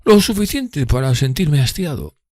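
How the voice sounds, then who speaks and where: A man voicing an arrogant young gentleman rival in an audiobook, with a mocking, drawling, disdainful manner. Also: fairly high pitch, sing-song, moderate pace, no echo, clean studio sound, voice pushed up. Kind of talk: audiobook character voice.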